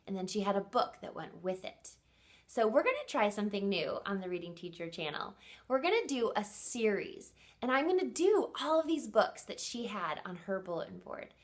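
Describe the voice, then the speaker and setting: A female teacher and host reads a storybook aloud with lots of expression for young children, frequently stopping to ask her listeners questions. Her voice sits in the mid range.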